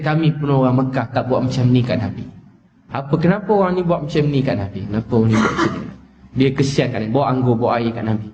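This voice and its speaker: Man, Malaysian Malay accent, sermon, impassioned storytelling, echoey room, muffled sound. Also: darkish tone. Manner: impassioned storytelling, repeats phrases, rising pitch in emotional passages. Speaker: preacher. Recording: echoey dull lecture-hall recording.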